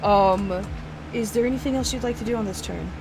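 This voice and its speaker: A woman running a tabletop game as game master, relaxed and full of fillers. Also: medium pitch, brisk, a little hiss or hum.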